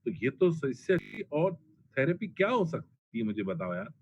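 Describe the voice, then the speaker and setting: A man's voice: on the high side, sing-song, moderate pace. A man giving a pharmacology lecture, blunt and colloquial, repeating drug names for emphasis. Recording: dull lo-fi classroom recording, faint noise.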